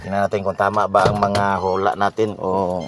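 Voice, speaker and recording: A man, a mechanic explaining a car repair to viewers in a halting way, pausing and repeating himself. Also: deep voice, completely flat delivery, over music.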